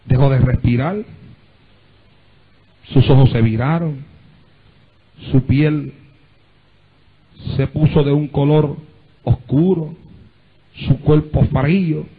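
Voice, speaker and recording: Fervent gravelly-voiced preacher man. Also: mid-range voice, steady tone, slow, pauses often, phone-quality sound. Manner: fervent preaching with frequent praise interjections; rises to impassioned shouting. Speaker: pastor. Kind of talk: sermon.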